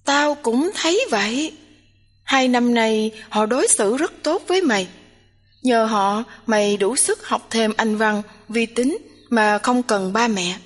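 A bossy, chattering young woman who teases and nags her roommate in a storybook reading, as a woman narrator puts her on. Her voice sits a little high. A long hall reverb trails each line. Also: slow pace. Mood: teasing.

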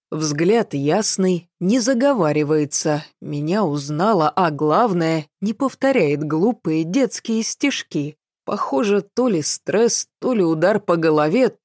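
Woman audiobook narrator, calm and measured, lowish voice. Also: no room sound, studio quality.

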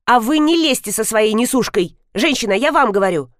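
A woman's voice: on the high side, lively intonation, brisk, no room sound, clean studio sound, natural voice. A woman voicing a flustered young female event organizer who chatters shrilly and pleads, in an audiobook reading. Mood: chirpy bossy.

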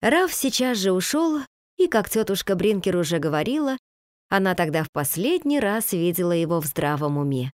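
A woman narrating a classic children's novel in an even, measured storytelling voice. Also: lowish voice, no room sound, clean studio sound. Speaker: audiobook narrator.

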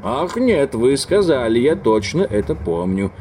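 A man voicing a smug, measured elderly doctor in an audiobook. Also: medium pitch, sing-song, warm tone, a little hiss or hum. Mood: calm. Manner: measured, coaxing. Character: older male doctor, calm, reasoning, smug.

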